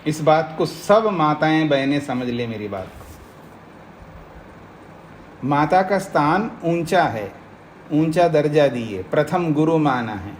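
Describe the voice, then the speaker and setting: The Nyaya philosophy teacher, a swami, speaks on the high side with lively intonation, over a slight hiss or hum. In this Hindi scripture class he takes each point slowly and step by step, frequently asking his listeners whether they're with him.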